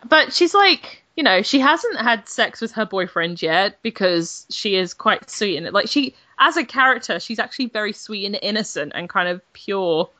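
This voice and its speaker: A young woman in her twenties, a games journalist chatting as a podcast guest, blunt and animated, swearing freely. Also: medium pitch, normal speed, few pauses, dry recording. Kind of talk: casual podcast chat.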